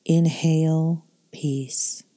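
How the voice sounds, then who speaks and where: Woman, low mellow voice, unhurried soothing meditation guide. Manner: slow, soothing, calm delivery.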